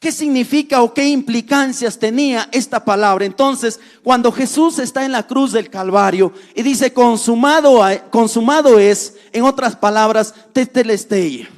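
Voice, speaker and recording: A man preaching a sermon as pastor, earnest, repeating key phrases slowly for stress. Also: extremely high pitch, in a large hall.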